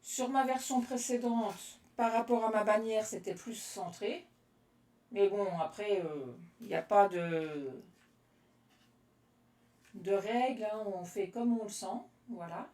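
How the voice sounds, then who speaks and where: A woman from France demonstrating card-making on a live stream, chatting with viewers by name between steps in a relaxed way. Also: mid-range voice, takes it slowly. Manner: chatty and relaxed, answers live comments by name, laughs often. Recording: roomy echo, voice from a distance.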